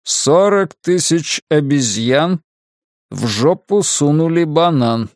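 A man's voice: a little high, animated, slow, vocal fry, no room sound, studio quality, full character voice. A man voicing a stern, self-controlled male hacker who speaks in an icy, clipped way. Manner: icy and clipped, flares into scolding.

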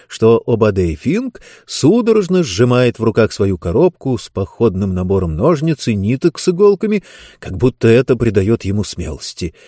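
Male storyteller, mid-pitched, animated and dramatic, dry close-mic read. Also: dry recording. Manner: expressive, with lively dramatic intonation. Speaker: audiobook narrator. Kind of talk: scripted narration of a fantasy story.

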